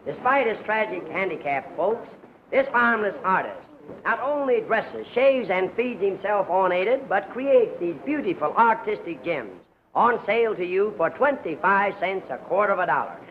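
A man's voice: lively intonation, normal speed, phone-quality sound. Brash American male sideshow barker, sing-song showman's patter, on a thin, hissy 1930s film soundtrack. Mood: hawking. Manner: declamatory, repetitive showman's pitch. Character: brash carnival sideshow barker hawking attractions to the crowd.

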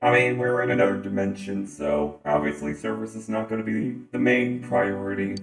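A man delivering comedic fan-film dialogue in a dry, deadpan way, stammering now and then. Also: on the low side, normal speed. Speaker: channel host and lead player. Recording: roomy with loud music behind.

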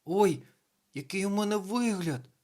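A man's voice: a little high, lively intonation, moderate pace, lightly acted. A man voicing a small, merry male castle ghost who talks in a fretful, wondering way. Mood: dismayed.

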